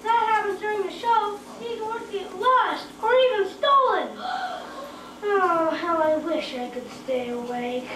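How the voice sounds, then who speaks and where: A woman's voice: extremely high pitch, normal speed, hardly any pauses, echoey room, distant mic, background noise. A woman playing a sleepy, forgetful male dwarf in a stage play. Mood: drowsy. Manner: drowsy, sighing.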